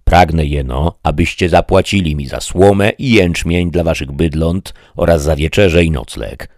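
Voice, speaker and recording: A man voicing a gruff, stingy innkeeper who talks bluntly. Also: a bass voice, moderate pace, a little mellow, no room sound, clean studio sound. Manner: blunt, curt.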